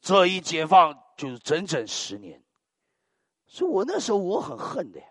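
A man's voice: high-pitched, normal speed, no echo, studio quality. An older man preaching a sermon, telling dramatic stories and muttering hallelujahs between lines. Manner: animated, dramatic storytelling peppered with muttered hallelujahs.

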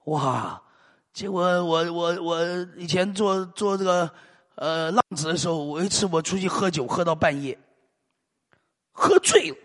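A middle-aged man from Taiwan, preaching a sermon with lively storytelling and frequent hallelujahs and amens. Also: on the high side, unhurried, in a large hall.

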